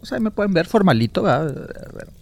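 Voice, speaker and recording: A man's voice: high voice, big pitch swings, brisk, vocal fry. A Mexican man co-hosting a podcast in casual, slangy banter, joking and laughing often. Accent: Mexican Spanish. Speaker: podcast co-host.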